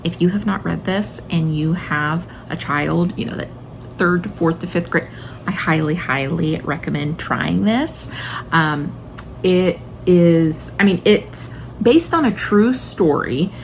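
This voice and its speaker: Recommending books to her viewers, this late-thirties homeschooling mom and video host is enthusiastic, casual and emphatic in an informal way. Her fairly low, gravelly voice takes things slowly. The audio is poor, with slight background noise.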